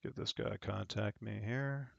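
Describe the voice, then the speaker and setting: A man's voice: fairly low pitch, steady tone, moderate pace, gravelly, a bit bright, no room sound, highs cut off. A man working as a virtual air traffic controller, switching between procedural air traffic control radio calls and casual explanation. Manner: procedural phrasing, spelled-out digits and call signs.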